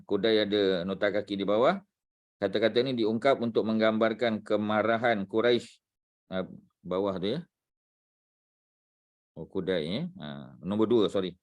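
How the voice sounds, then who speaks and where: A man teaching a religious class, unhurried, searching for words aloud and dropping frequent fillers. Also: lowish voice.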